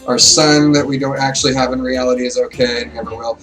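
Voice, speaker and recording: A man's voice: medium pitch, steady tone, fast talker, a bit bright, faint music behind. A man hosting a casual let's play at home, explaining the game in a conversational way with fillers, heard with faint noise from a distant mic. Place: home, with his wife.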